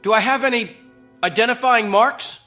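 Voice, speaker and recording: An American actor with a very high-pitched, sharp male voice, speaking at normal speed, plays a troubled, brusque office executive in a naturalistic drama. He's terse, probing, and insistent, with sardonic irony, and soft music plays in the background.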